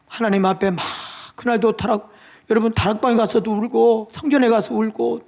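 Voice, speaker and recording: A man's voice: high voice, a little mellow. A male pastor preaching in a church, giving an emotional testimony with pleading prayers. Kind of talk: sermon. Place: church sanctuary.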